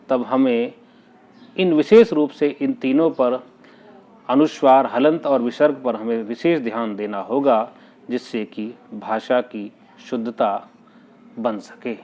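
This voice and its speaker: A male language teacher gives a lecture at a measured, unhurried pace. He lays out each example word with careful, deliberate articulation. His pitch sits in an ordinary middle range. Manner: slow, deliberate, over-articulating example words. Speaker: Hindi teacher. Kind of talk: lecture on pronunciation.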